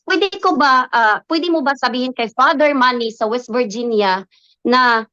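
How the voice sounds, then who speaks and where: A woman in her thirties tells her faith story in a high, bright-toned voice, earnest and heartfelt, moving freely between two languages and acting out what others said. The sound is dry and close, with a slightly dull, lo-fi edge. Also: a little slow, no echo. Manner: earnest, mixes Tagalog and English, acts out quoted dialogue. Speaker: guest giving a testimony. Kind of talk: personal faith testimony, casual storytelling.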